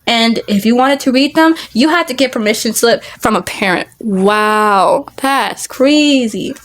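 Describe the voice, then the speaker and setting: Stumbling, slightly high-voiced woman reading aloud. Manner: reads haltingly, stumbling over words and restarting. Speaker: vlogger. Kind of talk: casual read-aloud of a book.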